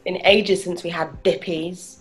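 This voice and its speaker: A woman's voice: fairly low pitch, fairly even intonation, unhurried, lightly acted, low-quality recording. A young woman playing a sulky, sleepy teenager in a rehearsed script reading over a video call. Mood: guarded. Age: young adult. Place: room at home, video call.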